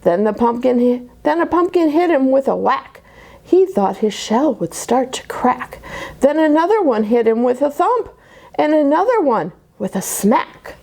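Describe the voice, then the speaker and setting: Her voice sits high and carries vocal fry as she reads unhurriedly from a rhyming children's picture book at church story time. The woman is expressive, sinking into dramatic whispers.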